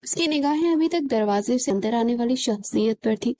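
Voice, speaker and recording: Mellow-voiced woman reading a novel. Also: on the high side, dry recording. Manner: emotive, expressive. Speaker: narrator.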